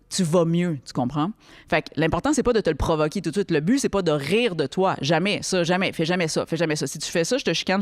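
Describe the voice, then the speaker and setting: A young woman with a Quebec French accent giving a casual, lively talk to teenagers, often checking in with the listener. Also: fairly low pitch, no echo, studio quality. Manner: lively, chatty, addresses the listener directly with frequent checks. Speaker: workshop host speaking to teens. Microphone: close microphone, podcast recording.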